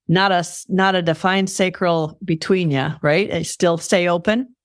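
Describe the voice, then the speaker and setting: Female host with a cold; rambling, restarts mid-sentence, fairly low voice, dry. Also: steady tone, measured pace, dry recording. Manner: rambling, self-correcting. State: has a cold. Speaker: podcast host. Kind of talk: casual interview chat.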